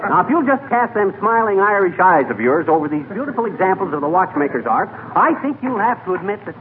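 A thin, hissy old radio recording carries an excitable, brash salesman. His slangy comic patter rises and dips with lots of swing. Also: sits high, fast, narrow, tinny audio. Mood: jaunty patter. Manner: folksy, blustering, slangy patter. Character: brash, excitable fast-talking male watch salesman. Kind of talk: 1940s radio comedy acting.

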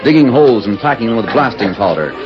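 A man's voice: mid-range voice, expressive, quick pace, natural voice. A man giving dramatic scripted narration for an old-time radio western. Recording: muffled vintage radio recording. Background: loud music.

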